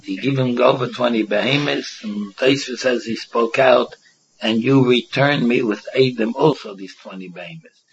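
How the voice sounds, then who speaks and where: A man's voice: medium pitch, moderate pace, slight background noise. A man with a Yiddish-inflected accent giving an informal Talmud lesson, reading and explaining in a sing-song, repetitive way with rhetorical questions. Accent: Yiddish-inflected English. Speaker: religious teacher giving a Talmud class. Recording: dull, muffled lo-fi recording.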